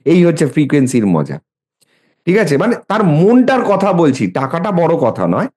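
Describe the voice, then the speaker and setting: A man's voice: fairly high pitch, huge pitch swings, normal speed, darkish tone. A middle-aged man explaining mantras in a casual, emphatic way, sometimes chanting lines as examples.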